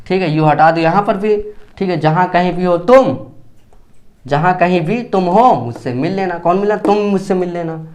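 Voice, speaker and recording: High-voiced male teacher, explaining patiently. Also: normal speed, darkish tone. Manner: repeats points and checks understanding often. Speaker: English teacher. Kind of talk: classroom grammar lesson in Hindi.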